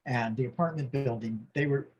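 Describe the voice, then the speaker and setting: The audio has its highs cut off and carries a little hiss or hum as a man in his sixties from the United States speaks in a mid-range voice at a moderate pace. He's a podcast guest in a relaxed interview, telling long, rambling, warm stories about his schooling with laughs and restarts.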